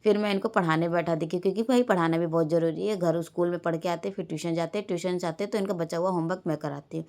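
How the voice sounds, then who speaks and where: A woman's voice: fairly low pitch, steady tone, quick pace, darkish tone. A woman, a mother, casually narrating her day over a home vlog and quoting her children along the way. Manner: rambling everyday storytelling, quoting her children. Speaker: vlogger and mother.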